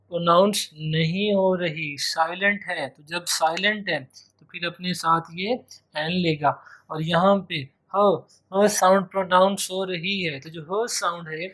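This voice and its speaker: A man's voice: sits high, bright, forceful tone. A man giving an exam-prep grammar lecture, repeating key phrases and stretching out his example words. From Pakistan. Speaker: English teacher.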